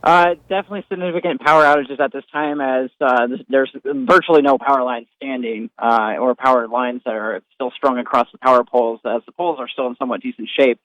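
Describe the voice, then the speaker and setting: A man's voice: medium pitch, steady tone, fast, few pauses, a bit bright, dry recording. A man reporting live from the field, unscripted and hesitant, with many fillers, over a dull remote link.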